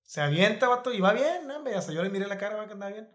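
A man's voice: high-pitched, fast talker. A man, telling fishing stories in casual, slangy chat. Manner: animated slangy storyteller. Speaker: podcast guest. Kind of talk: casual storytelling.

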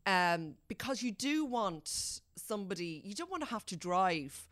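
Smooth-voiced woman, chatty host. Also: medium pitch, big pitch swings, unhurried, a bit bright. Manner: chatty, questioning, with hesitant fillers. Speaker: podcast co-host. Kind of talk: casual chat.

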